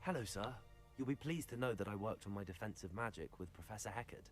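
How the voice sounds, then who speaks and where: A man's voice: on the low side, animated, quick pace, soft background music, close to an everyday voice. An actor playing a young male wizard student in a video game, speaking politely and plainly.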